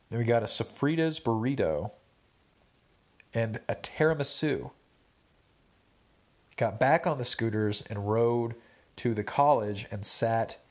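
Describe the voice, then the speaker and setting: A young man with a stuffed-up nose, tired and laid-back, casually recapping his day to viewers in a rambling, slangy vlog. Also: medium pitch. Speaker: vlogger.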